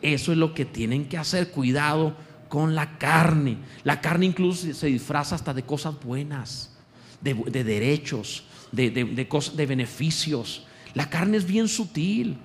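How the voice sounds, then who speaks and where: A pastor with a high voice delivers a sermon in a church. He moves from loud exclamations to slow, low emphasis and keeps asking his listeners questions. Faint room noise sits behind him. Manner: asks the congregation rhetorical questions.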